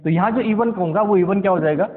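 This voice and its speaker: A man's voice: sits high, quick pace. A man teaching physics in a classroom lecture, often asking his students questions and mixing English terms into his talk. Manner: keeps asking the class questions, checks understanding; mixes English science terms into Hindi. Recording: tinny lo-fi sound with long reverb.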